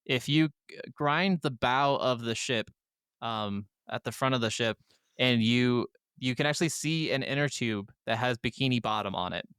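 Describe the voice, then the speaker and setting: A man co-hosts a podcast, chatting casually and enthusiastically about video games while swearing freely. His mid-range voice is fairly bright, clear and resonant at a normal speed, captured in a dry, clean studio recording.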